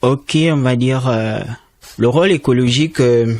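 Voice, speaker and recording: A student trainee appears as a radio interview guest, explaining conservation emphatically, his pitch rising as he makes points. His slightly mellow voice moves at normal speed on a dry recording.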